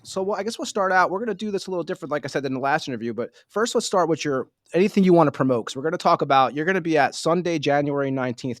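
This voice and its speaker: A man's voice: medium pitch, no room sound. A man hosting a podcast in a casual, informal interview style, addressing the guest like a buddy. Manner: informal, says "man" often. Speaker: podcast host.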